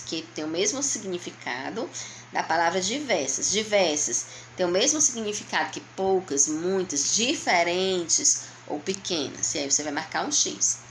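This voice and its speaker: A woman with a Brazilian Portuguese accent, a primary school teacher going slowly and patiently through a workbook for young children, asking and answering her own questions. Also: lowish voice, fairly bright tone, slight background noise. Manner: patient, slow, explaining step by step to young children. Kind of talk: remote lesson walking through a workbook.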